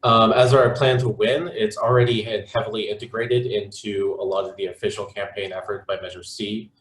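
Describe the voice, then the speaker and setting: A man's voice: on the low side, fairly even intonation, brisk, reverberant, rough recording. A man speaking as a campaign representative on a video call, rambling and hesitant with many fillers. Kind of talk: casual spoken pitch at an online forum.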